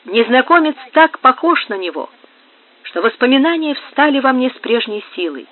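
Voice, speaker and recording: A man's voice: extremely high pitch, big pitch swings, normal speed, heavily acted. A man voicing a pleading young woman. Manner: pleading, emotional. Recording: narrow phone-like sound.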